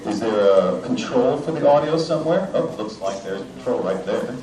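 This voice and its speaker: On a convention question panel, a voice actor answers fans with joking, chatty replies and plenty of filler sounds. He has a mid-range voice with lively intonation at normal speed, sent from a handheld mic through the house speakers and fuzzed by clipping. The recording is far off, echoing through the large hall with its audience and crowd.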